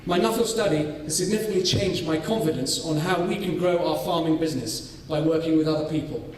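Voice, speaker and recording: Man presenting at a conference, fairly high voice, hesitant with fillers, heard from far off in a big echoing room. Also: a little hiss or hum. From North Wales. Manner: measured, with frequent ums and restarts. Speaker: farming scholar presenting his study. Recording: echoey hall, voice from far off.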